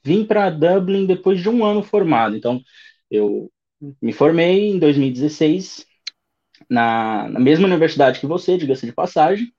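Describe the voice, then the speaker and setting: A man in his thirties with a São Paulo accent, telling his story as an interview guest in a relaxed, rambling way. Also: on the high side, moderate pace, dull audio. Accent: São Paulo Brazilian Portuguese. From Brazil. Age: 30s. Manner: relaxed storytelling with many fillers. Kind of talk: casual interview chat.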